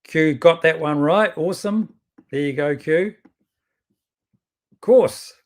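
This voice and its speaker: A bridge player presenting his own videos thinks aloud through the game in casual commentary, informal and rambling, frequently correcting himself. He has a strong New Zealand accent and a fairly high voice, and he speaks slowly.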